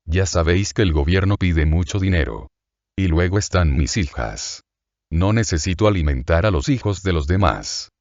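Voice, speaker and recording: A man's voice: deep voice, expressive, moderate pace, a little mellow, dry recording, dull audio. A man reading as a wheedling greedy innkeeper woman. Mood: lamenting. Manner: plaintive, wheedling, fawning. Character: scheming, whining middle-aged female innkeeper.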